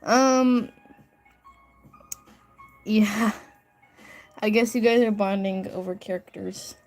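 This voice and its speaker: In her upstairs bedroom at home, a young woman livestreams as an artist, chatting casually, rambling, giggling and drifting off-topic while she reads comments. Her mid-range voice is slow and a little mellow, with faint music playing behind her.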